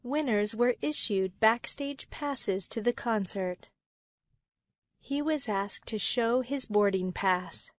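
Woman with a higher voice reading vocab sentences slow and plain, dry sound. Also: no room sound. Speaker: vocabulary lesson reader. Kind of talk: slow read example sentences.

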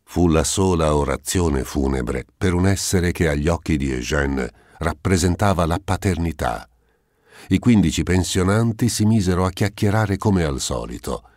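Man narrating an audiobook, deep voice, solemn measured reading, dry sound. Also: animated, darkish tone, no room sound. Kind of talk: scripted literary narration.

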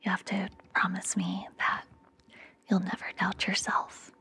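This is an ASMR podcast: a young adult host whispers calming guided relaxation and affirmations, breathy and reassuring, into a fluffy mic almost at her lips in an indoor room. Her pitch is medium and monotone, and she goes a little slowly.

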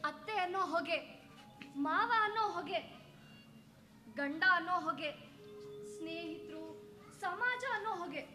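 The bitter spirit of a dead young wife, acted by a woman in a stage drama, reproachful and cutting. The voice sits very high and sounds bright. The recording rings with stage echo. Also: unhurried, pauses often, faint music behind, full character voice. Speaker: stage actor.

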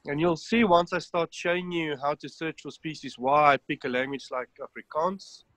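Speaking at a moderate pace in a fairly high, steady, slightly bright voice, a man from South Africa walks a webinar audience through setting up a phone app. He's the app's developer, he ums often, and the online-call audio has no room sound.

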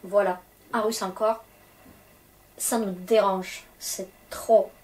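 Slow, patient Russian-accented woman teacher. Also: medium pitch, steady tone, a little mellow. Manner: slow, patient explaining with frequent checks. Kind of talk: grammar lesson for French speakers.

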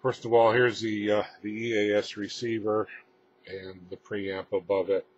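A man with a low, fairly monotone voice haltingly explains, in a matter-of-fact way, the homemade radio equipment he's demonstrating without a script. He's in a small indoor room full of radio gear, and the lo-fi camera audio is dull, with clear background noise.

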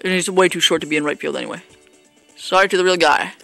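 This gameplay commentator talks fast in a high, steady voice that sounds creaky, pushed, and bright, with faint music behind him. He rambles loosely through his baseball video game, mocking himself and stumbling over plenty of fillers.

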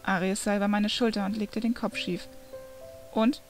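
A woman's voice: medium pitch, little pitch movement, fairly quick, faint music behind. Woman reading a novel aloud. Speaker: reader.

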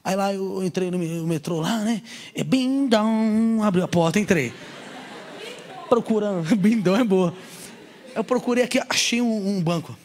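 A man preaching to a congregation at a youth service. He is animated and slangy, joking and acting out little scenes as he preaches. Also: high voice, normal speed. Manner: slangy, casual street talk. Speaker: pastor. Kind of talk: sermon at a youth church service.

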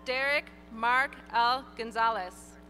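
A woman reading graduates' names one by one at an outdoor graduation ceremony, in a clear, measured announcing manner. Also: a little high, bright, forceful tone, soft background music. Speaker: graduation name reader. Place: outdoor stadium ceremony over PA.

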